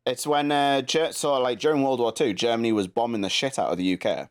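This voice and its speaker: A man's voice: mid-range voice, fairly quick, clear, resonant tone. A man in casual chat on a video call, rambling and laid-back, swearing now and then. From United Kingdom. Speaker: guest.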